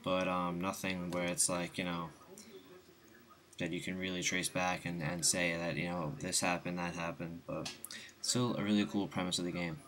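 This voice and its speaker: Deep, flat-voiced young man reviewing a game. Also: normal speed. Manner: rambling, many ums and restarts, hiccups. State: hiccups. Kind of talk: casual unscripted game review voice-over.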